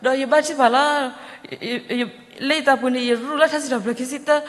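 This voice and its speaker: Woman preaching in a reverberant church. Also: on the high side. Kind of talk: sermon.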